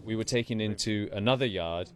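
A man reporting as a foreign correspondent, measured and explanatory. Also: fairly low pitch, a crowd in the background. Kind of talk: news report.

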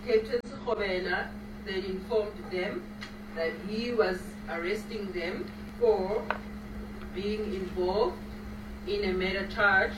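A woman's voice: medium pitch, fairly even intonation, slow pace. A woman working as a court interpreter, voicing a witness's testimony into English phrase by phrase in a courtroom. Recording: echoey courtroom feed from a distant mic, noisy.

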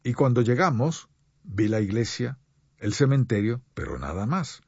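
A man preaching a sermon to radio listeners, earnest and pleading, with slow deliberate pauses. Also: medium pitch, very animated, breathy edge, no echo, highs cut off.

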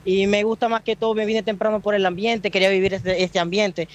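A man's voice: high-pitched, level tone, a little fast. A man from Venezuela, an earnest football fan answering interview questions outside a stadium with some hesitation. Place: outdoors near a stadium.

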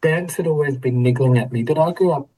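A man's voice: fairly high pitch, a little fast, dark tone, poor audio. A middle-aged Australian man, a guest in a casual interview, telling his story reflectively with a laugh now and then. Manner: reflective, laughing, many restarts.

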